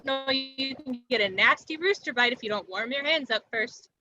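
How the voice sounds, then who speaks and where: A woman's voice: high voice, normal speed, highs cut off, music in the background, close to an everyday voice. A woman reading a sweet, naive small-town woman who speaks with earnest innocence in an amateur sitcom table read. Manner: earnest, guileless.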